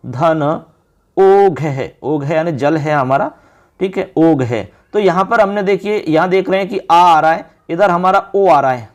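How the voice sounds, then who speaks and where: Male teacher, high-pitched voice, patient classroom explainer who asks and answers his own questions, slows way down on key sounds. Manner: drawn-out slow spelling of syllables. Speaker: Sanskrit teacher. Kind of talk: classroom grammar lesson.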